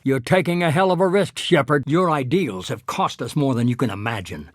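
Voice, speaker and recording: An actor playing a shadowy middle-aged leader in a video game, cold, calculating and commanding, speaking in a measured, deliberate way. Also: male voice, medium pitch, husky, no echo, studio quality. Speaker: head of a secret organisation. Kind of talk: dramatic video game voice acting.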